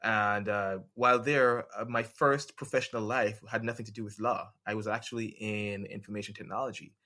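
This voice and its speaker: A man from Jamaica, a lawyer and podcast guest, talking in a relaxed way with plenty of fillers. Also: on the low side, fairly quick. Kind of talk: casual interview talk.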